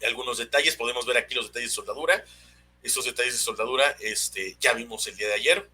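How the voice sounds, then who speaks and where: A webinar instructor with a Mexican accent explains technical material unscripted, hesitating and often searching for words. His medium-pitched voice is sharp and he talks fast. The webinar audio is noisy with hum.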